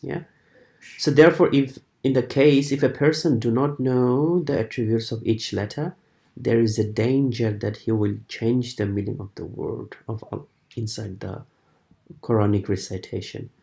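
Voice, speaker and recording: A man giving an informal spoken lesson as a Quran recitation teacher, explaining haltingly and often repeating or rephrasing his words. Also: mid-range voice, fairly even intonation, creaky, dark tone.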